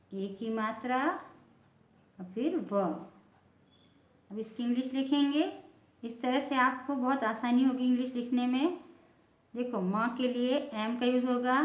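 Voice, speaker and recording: Woman teacher spelling words real slow, kinda high voice, echoey dull recording. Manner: spells words out letter by letter, patient.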